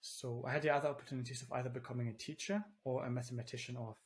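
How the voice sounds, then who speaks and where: A German-born native German speaker living in the Netherlands chats casually as an interview guest over a video call. He speaks rapid-fire at medium pitch with fairly even intonation, rambling with many fillers and restarts.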